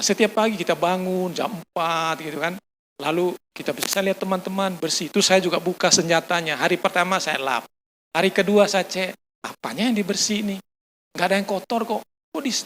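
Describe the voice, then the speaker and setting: A man's voice: sits high, fairly bright tone. A man with an Indonesian accent preaching a sermon, telling a personal story with fillers and acting out the lines of others. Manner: storytelling, acts out dialogue, frequent fillers. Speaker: pastor. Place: restaurant used for a Sunday service.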